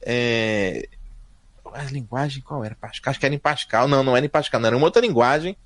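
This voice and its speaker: A man, telling stories as a podcast guest in a lively, slangy way. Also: medium pitch, fast talker, dry recording. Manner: lively and slangy, voice rising and falling. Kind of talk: casual storytelling chat.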